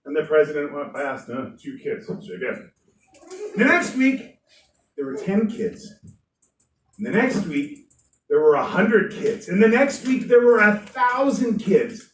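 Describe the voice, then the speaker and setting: A woman teacher telling a lively story to children in a classroom, playing up the characters' voices. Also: on the low side, unhurried, long pauses. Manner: lively, animated, playful voices. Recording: roomy room, distant mic, faint noise.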